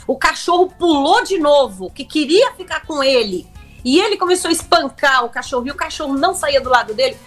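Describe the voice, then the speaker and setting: A young woman tells a story as a guest, her voice sitting high and climbing higher as she acts out what people said. She talks in emotional, breathless bursts with frequent restarts, and soft music plays faintly behind her. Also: animated, a little fast. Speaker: guest, reality show contestant. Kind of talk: animated storytelling in a chat.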